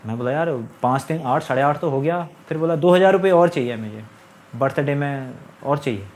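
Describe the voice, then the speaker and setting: A man's voice: fairly high pitch, brisk, a little mellow. A young man telling his own story in a casual, aggrieved monologue to camera, often quoting others. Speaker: vlogger.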